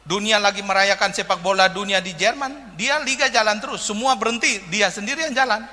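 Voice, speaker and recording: A man with a fairly high, bright and forceful voice preaches in a jokey, humorous manner. He often calls out to the congregation for an "amin". His voice rings with the long reverb of a church hall. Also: a little fast. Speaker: pastor. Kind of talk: sermon.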